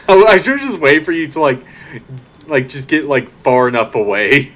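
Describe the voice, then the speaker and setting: A man chatting casually with a streamer while gaming, laid-back and halting with fillers. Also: fairly high pitch, big pitch swings, fairly bright tone. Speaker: co-player on a stream.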